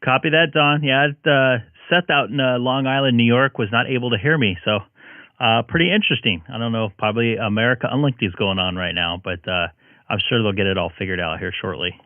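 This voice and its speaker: A man's voice: mid-range voice, fairly quick, no echo, phone-quality sound. A man who is tired and hungover with a headache, chatting casually and apologetically as he runs a live-streamed ham radio session.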